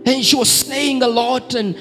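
High-voiced man preaching in short bursts. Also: steady tone, over music. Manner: preaches in short phrases, pausing for interpreter, voice rising when quoting. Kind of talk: sermon with live interpretation.

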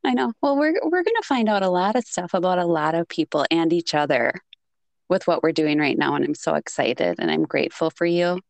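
A woman from Minnesota with a plain Minnesotan accent talks in a low, gravelly voice. She chats casually as a podcast co-host. The mic is close and dry, with faint music behind. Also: lively intonation, a little fast, no echo. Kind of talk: casual chat.

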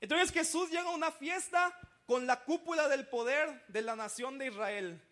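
Man, pastor; lively sermon storyteller, unusually high pitch. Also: normal speed. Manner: animated storytelling, acting out quoted voices.

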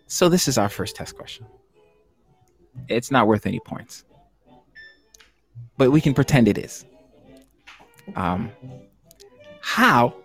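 Laughing, chatty male game host. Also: medium pitch. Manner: chatty, jokey, laughs often. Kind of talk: casual hosting of an online trivia game.

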